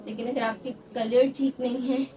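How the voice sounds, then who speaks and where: A young woman with a higher voice gives earnest advice to students in a casual vlog, mixing English words into her talk. She sounds a little distant from the mic. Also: little pitch movement. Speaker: fashion design student giving advice.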